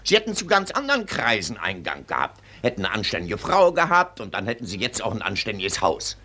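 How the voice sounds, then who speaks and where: A pompous old colonel. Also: male voice, on the low side, wildly swooping pitch, a little fast, bright, forceful tone, full character voice. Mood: lecturing. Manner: patronizing, lecturing, blustering. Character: pompous old male colonel, condescending, militaristic. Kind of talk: 1940s radio acting.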